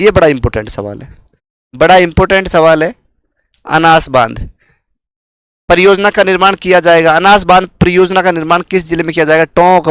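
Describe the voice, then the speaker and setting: A male teacher runs an exam-prep quiz, repeating each question and making viewers guess before revealing the answer. His voice is fairly high and clean, with no echo.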